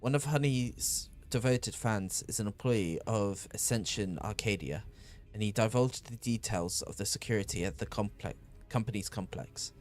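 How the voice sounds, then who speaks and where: A man voicing an earnest loyal ally who reports news in a measured way. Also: fairly low pitch, faint music behind, close to an everyday voice.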